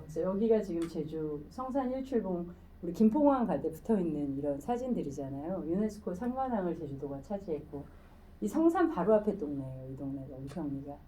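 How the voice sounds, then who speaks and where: A woman's voice: on the low side, warm tone, far from the mic, slight background noise, poor audio. A woman giving a public lecture in a conversational, storytelling way, often asking the audience questions. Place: lecture room.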